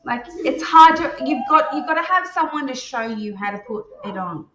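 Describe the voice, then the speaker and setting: A woman chatting on a video call, animated and chatty, jumping between thoughts. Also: high-pitched, moderate pace, far from the mic. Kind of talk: casual chat. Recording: echoey, muffled video call audio with faint hiss.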